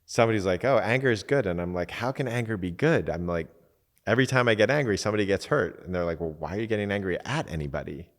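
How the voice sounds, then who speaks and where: A man, a podcast host and coach, giving relaxed, candid advice in casual talk, swearing now and then and acting out little quotes. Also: deep voice, big-room sound.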